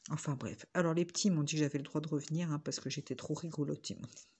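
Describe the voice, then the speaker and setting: A woman with a husky, breathy voice chats casually in a home vlog while she crafts. She rambles from topic to topic, and the sound comes from a phone on a tripod. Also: deep voice, fairly even intonation, quick pace, dark tone. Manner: rambling, chatty, jumping between topics. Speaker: vlogger.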